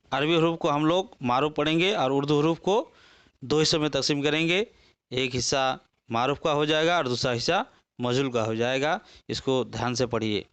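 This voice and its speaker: A man's voice: on the high side, fairly bright tone, clean tone. A man teaching a lesson, reciting letters one by one and explaining them patiently. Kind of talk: slow alphabet lesson.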